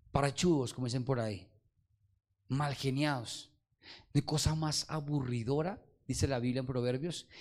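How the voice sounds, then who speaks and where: A man preaching a Sunday sermon, calling out to the congregation and swinging from loud exhortation to quiet low asides. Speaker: pastor. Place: church service.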